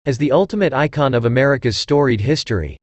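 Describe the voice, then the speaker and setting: A male narrator delivers inspirational quotations in a deep, firm voice. His scripted reading is solemn and measured, giving weight to the close of each phrase. The sound is dry, with no room around it. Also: animated, dry recording. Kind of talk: scripted narration of motivational quotes.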